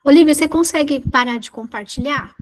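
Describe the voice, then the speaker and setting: A woman's voice: high-pitched, a little fast, a little hiss or hum. A woman hosting an online meeting over a video call, friendly as she organizes the group.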